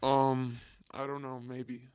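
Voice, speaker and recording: Boy in a disguised, pitched-down voice. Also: completely flat delivery, a little mellow, clear, resonant tone. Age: 12, seventh grader. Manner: hesitant, halting, with nervous giggles. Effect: voice pitched down to a disguised deep voice. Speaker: anonymous student interviewee. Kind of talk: shy interview answers.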